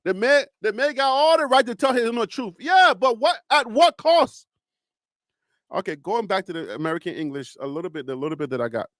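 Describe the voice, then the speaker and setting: With a brisk, animated delivery, a Liberian man hosting a live stream argues emphatically, leaning on rhetorical questions and teasing. His pitch rises as he argues in this casual commentary. The sound is studio quality with no echo.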